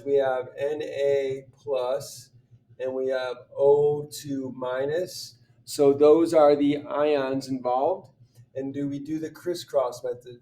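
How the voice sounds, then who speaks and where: Throat-clearing man teaching chemistry, mic distant. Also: fairly high pitch, warm tone. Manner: clears throat often, thinks aloud with restarts. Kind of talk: explaining practice problems.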